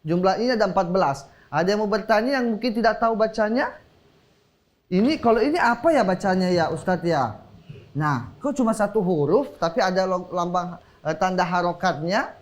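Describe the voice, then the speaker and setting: A man's voice: sits high, animated, moderate pace. A man teaching children as a religious teacher on a TV show, quizzing them and leading call-and-response with frequent praise. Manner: encouraging, quizzing, exclaiming praise often. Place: TV studio.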